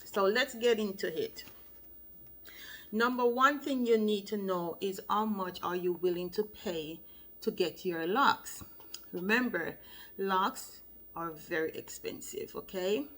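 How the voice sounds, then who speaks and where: A Jamaican-accented woman, a loctician who hosts her own channel, gives casual advice in a vlog to camera. She explains things step by step and keeps checking in with "okay?". Her mid-range voice is slow and fairly bright, and the recording is rough.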